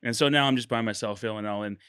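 Bright-voiced joking man, co-host. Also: lowish voice, racing, clean tone, no room sound, clean studio sound. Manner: joking, bursts into loud laughter. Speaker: podcast co-host. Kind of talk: casual chat.

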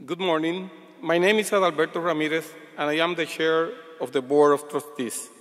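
A man's voice: fairly high pitch, steady tone, fairly bright tone. An older man giving a formal commencement address as board chair, reading from notes at a podium. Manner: measured, reads from notes at podium. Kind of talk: formal prepared speech. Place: large auditorium stage. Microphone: podium microphone. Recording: long hall reverb.

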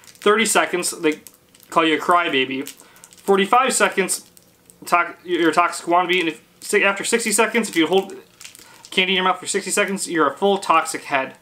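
A man's voice: sits high, moderate pace, pushed and bright. Man, thirties, casual family-vlog host and dad, living-room camera sound. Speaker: YouTube host and father. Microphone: camera mic a few feet away.

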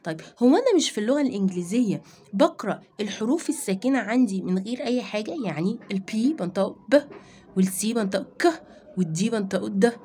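An Egyptian woman teaches children to read and takes them through each step. She puts questions to herself and then answers them. She drags single sounds out slowly so the children can follow. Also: mid-range voice, lively intonation, mellow. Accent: Egyptian Arabic. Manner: explains step by step, asking and answering her own questions; sounds out letters slowly and drawn out. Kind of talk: children's reading lesson.

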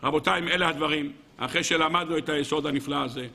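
A man's voice: on the high side, fairly even intonation, gravelly, bright, forceful tone. A male rabbi giving a sermon, telling a story dramatically and acting out its voices.

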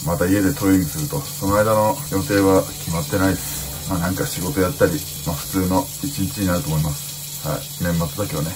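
A young man in his twenties, a bodybuilding vlogger at home, rambling casually about his day with a relaxed, self-mocking air. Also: deep voice, fast talker, hardly any pauses, background noise. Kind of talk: casual daily vlog talk.

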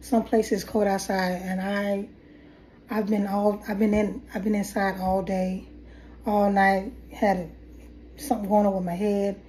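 Sitting at her kitchen table at home, a middle-aged woman with a head cold chats through a casual hair tutorial, coughing, rambling and starting over. Her medium-pitched voice has a dark tone, little pitch movement and an unhurried pace. A phone camera on the table catches it with a little hiss or hum.

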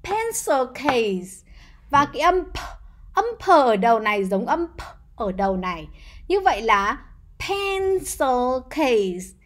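In a very animated, slightly high and bright voice, a woman moves at a moderate pace through English words for young kids. She breaks each word into its letters and coaxes the children to repeat, keeping the spelling lesson slow and patient.

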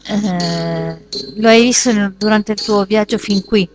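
A woman playing a jealous, possessive mother spirit who speaks low, slow and cold. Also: a little hiss or hum, natural voice. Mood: sorrowful.

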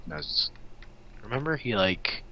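A man's voice: medium pitch, animated, slow pace, lo-fi sound. A young man casually commenting on a block-building game while teasing his friend. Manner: teasing, playful banter. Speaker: gaming co-host.

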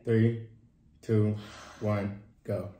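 A man's voice: fairly low pitch, level tone, drawn-out words. A man in his twenties chatting casually at a table at home, recorded by a camera a few feet away. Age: 20s. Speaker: food challenge host. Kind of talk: casual chat. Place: indoors at home, at a dining table. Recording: echoey room, faint background noise.

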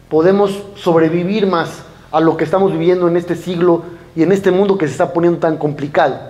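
Animated high-voiced rabbi preaching. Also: male voice, lo-fi sound. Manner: animated storytelling, acting out dialogue, addressing the audience directly. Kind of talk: sermon.

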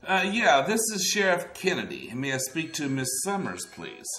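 An actress playing a sheriff who speaks in a wry, knowing, drawn-out way. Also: female voice, low-pitched, very animated, a bit bright, a little hiss or hum. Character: wry, knowing female small-town sheriff. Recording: roomy, echoey room.

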